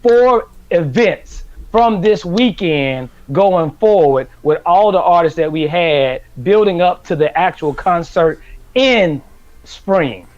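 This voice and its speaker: A man's voice: high-pitched, expressive, takes it slowly, a little mellow, dull audio. A man co-hosting a radio talk show, speaking emphatically and repeating his points.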